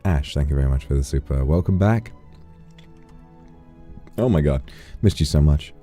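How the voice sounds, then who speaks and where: A man with a very low, mellow voice hosts a casual livestream. He talks to his viewers in a playful, effusive, affectionate way and reads out their messages. Music plays behind him. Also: lively intonation, normal speed. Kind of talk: casual livestream chat, thanking and reading out messages.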